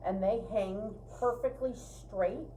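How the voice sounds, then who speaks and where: Co-hosting a fiber arts livestream, a woman chats through a casual spinning tutorial in an emphatic, talkative way. Her medium-pitched voice is mellow and slow. The recording is rough, with a little hiss or hum.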